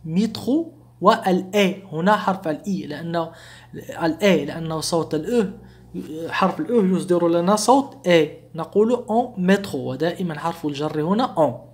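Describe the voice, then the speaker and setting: Patient male language teacher. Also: on the high side. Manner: repeats French examples slowly and clearly, then explains briskly; patient, step-by-step explaining with many restatements. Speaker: French teacher. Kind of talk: online language lesson.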